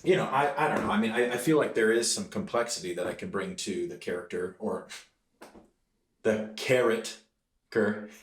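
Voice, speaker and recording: A man with a somewhat low voice, rambling and hedging with lots of fillers. His voice echoes in a roomy space. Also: fairly even intonation, quick pace, hardly any pauses. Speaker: actor in creature makeup.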